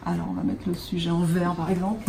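A woman's voice: lowish voice, little pitch movement, quick pace, vocal fry, mellow, a little hiss or hum. A woman teaching a French class, patient, and checking in with her students often. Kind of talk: classroom lesson. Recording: roomy classroom recorded from a distance.

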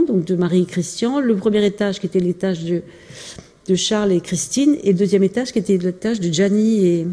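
A woman presents old photos and documents in a casual lecture, often pausing, restarting and filling gaps with little hesitations. Her voice is dark and mellow. It rings out with a long reverb, as in a large hall. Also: fairly low pitch. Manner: hesitant, many fillers and restarts. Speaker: lecturer presenting family archives. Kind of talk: informal illustrated talk.

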